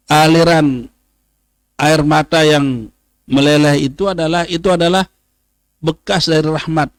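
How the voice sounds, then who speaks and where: A religious teacher leads a study session. This man's voice sits a little high and is recorded dry and close. He says Arabic phrases slowly, then explains them at length. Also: no echo. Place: pesantren study hall.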